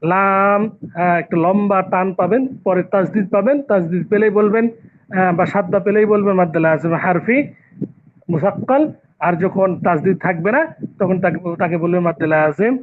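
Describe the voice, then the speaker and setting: High-voiced man teaching over a tinny line. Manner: patient, repeats terms and asks students questions. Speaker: Quran recitation teacher. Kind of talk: online tajweed lesson. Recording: tinny phone-like call audio.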